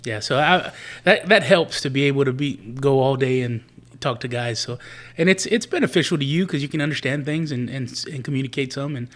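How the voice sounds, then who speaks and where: A man hosting a podcast, asking questions and chatting in a relaxed, joking way. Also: mid-range voice, fairly quick. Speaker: podcast host. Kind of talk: casual conversation.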